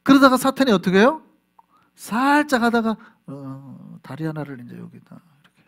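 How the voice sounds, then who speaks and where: A male pastor preaching a sermon in an animated way, acting out little scenes and putting rhetorical questions to the congregation. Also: high-pitched, normal speed, vocal fry.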